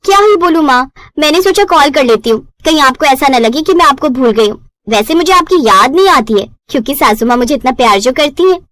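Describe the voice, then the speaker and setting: In a cartoon storybook, a cheeky young bride quips and complains in a high, bright voice, as a woman puts her on. Her sarcasm stays playful. The sound is close and dry. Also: lively intonation, no echo. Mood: sheepish. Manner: quick-witted, sarcastic quips.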